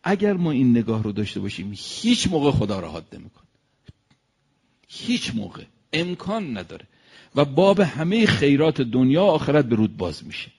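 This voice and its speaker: A man delivering an animated sermon, telling a story and speaking directly to his listeners. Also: breathy edge. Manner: animated, rises and falls in pitch and loudness. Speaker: preacher.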